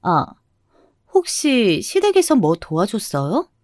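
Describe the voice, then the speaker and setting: Woman doing a snide sister-in-law near forty, raised voice, slow mocking drawl, dry close sound. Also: medium pitch, wildly swooping pitch, darkish tone, dry recording. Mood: sneering. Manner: mocking, condescending, drawn-out.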